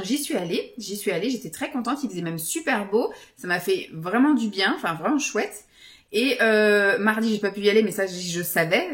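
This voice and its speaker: A woman's voice: medium pitch, reverberant. A woman in her forties chatting casually to camera as a vlogger, rambling with many hesitations. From France. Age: 40s.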